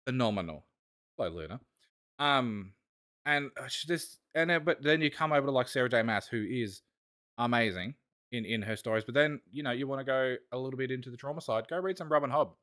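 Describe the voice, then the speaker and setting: A man's voice: medium pitch, brisk, a bit bright. A man chats on a casual podcast in a mid-range voice, rambling with enthusiasm. He trails off and restarts his thoughts as he goes. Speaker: podcast co-host.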